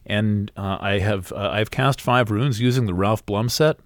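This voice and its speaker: A man's voice: lowish voice, measured pace, no echo, studio quality. A man giving a casual, rambling astrology reading, full of fillers and restarts, hiccuping now and then.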